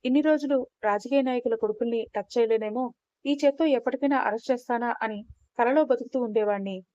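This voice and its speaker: A woman voicing a gloating, rough police sub-inspector in a story reading. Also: fairly high pitch, fairly quick, dark tone, dry recording, natural voice. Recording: dull, dry lo-fi recording.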